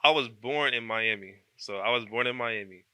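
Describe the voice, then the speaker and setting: A man in his twenties from Columbus, Ohio, a college football player answering questions in an easygoing, soft-spoken way with many fillers. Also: medium pitch, moderate pace, smooth, no echo. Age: 20s. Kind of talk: casual interview chat.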